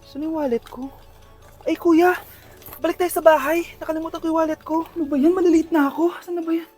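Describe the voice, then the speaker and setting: A woman's voice: very high voice, fairly even intonation, brisk, a little mellow, soft background music. A woman acting out comic skits, mostly as a fussy mother, with exaggerated, dramatic outbursts. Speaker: comedy skit performer.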